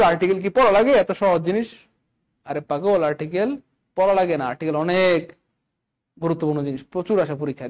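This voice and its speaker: Fast, high-voiced animated teacher. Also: male voice, low-quality recording. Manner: animated, keeps asking students questions; religious phrases woven into teaching. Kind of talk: live online exam-prep class.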